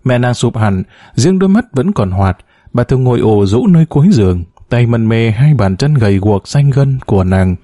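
A man's voice: mid-range voice, expressive, warm tone, no room sound, studio quality. Man narrating a somber novel. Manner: somber, measured storytelling. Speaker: audiobook narrator.

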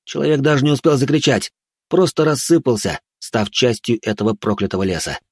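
A man narrating a dark fantasy story in a hushed, ominous tone. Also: mid-range voice, lively intonation, a little fast, slightly rough, no room sound, clean studio sound. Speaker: audiobook narrator.

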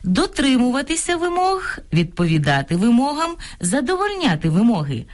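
A woman presenting a language program on radio, reading a script clearly and instructively, listing correct and incorrect phrases. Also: a little high, huge pitch swings, moderate pace. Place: radio studio.

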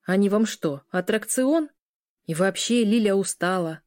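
A woman's voice: medium pitch, lively intonation, a little slow, a little mellow, dry recording, studio quality, close to an everyday voice. A woman voicing a possessive werewolf man who gives short, commanding orders. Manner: curt, commanding.

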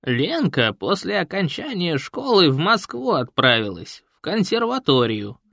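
A man voicing a grumpy, shrewd old village man with a creaky, gruff voice in an audiobook. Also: a little high, big pitch swings, unhurried, sharp tone, no echo, studio quality, voice pushed up, heavily acted. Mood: storytelling. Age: older. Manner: folksy, blunt storytelling. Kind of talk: audiobook character voice.

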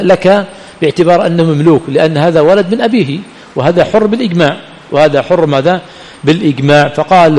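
A man's voice: on the high side, a little mellow. A man teaching a classroom lesson, quizzing his students and then answering his own questions. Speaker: teacher of hadith and grammar. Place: lecture hall of an Islamic study center. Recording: long hall reverb, faint room ambience.

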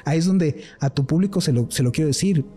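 A man with a Mexican accent telling a personal paranormal story as a guest, earnest and animated. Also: on the high side, fast talker, soft background music. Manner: earnest, animated storytelling, switches into quoted voices.

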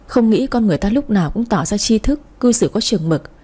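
Young woman, story narrator, mellow dark tone, breathy edge, wry matter-of-fact delivery. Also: medium pitch, lively intonation, a little fast. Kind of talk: scripted first-person story narration.

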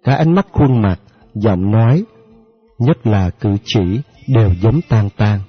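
A man narrating an audiobook in a steady, measured way. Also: lowish voice, slightly rough. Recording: dry, dull lo-fi audio with faint music.

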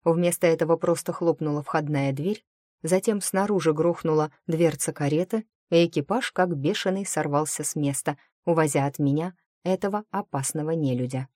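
A woman narrating a first-person fantasy audiobook in a lively, expressive storytelling manner. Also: sits low, moderate pace, no echo, studio quality.

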